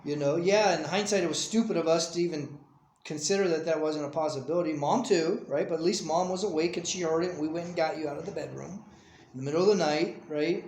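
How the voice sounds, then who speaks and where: A man's voice: on the high side, quick pace, echoey room, a little hiss or hum, low-quality recording. A middle-aged man, a father speaking earnestly to his estranged child in a personal video message, pleading and insistent. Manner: earnest, pleading, drifts between soft mumbling and heated insistence.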